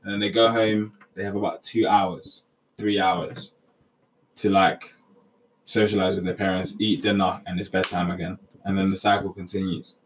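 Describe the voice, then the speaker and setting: Low young London roadman, off mic. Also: level tone, moderate pace. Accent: London, urban street slang. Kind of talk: casual group chat. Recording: distant mic with background noise.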